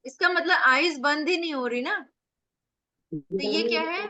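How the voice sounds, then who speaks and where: A woman's voice: high voice, unhurried, sharp tone, dry recording. A woman acupressure teacher giving an online revision lecture over a video call, explaining step by step with rhetorical questions and staying firm with her students.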